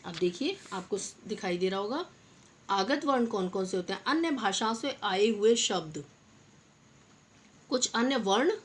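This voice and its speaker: A woman's voice: medium pitch, lively intonation, slight background noise. Patient woman teaching young children. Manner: patient, addresses pupils as "beta", repeats example words slowly. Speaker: primary school teacher. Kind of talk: online Hindi lesson for young children.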